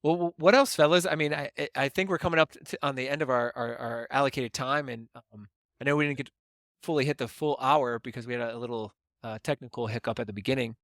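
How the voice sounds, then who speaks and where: A man's voice: medium pitch, steady tone, quick pace, fairly bright tone, no echo, studio quality. A man co-hosting a casual podcast, explaining at length and often checking in with "right?". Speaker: podcast co-host explaining bitcoin mining.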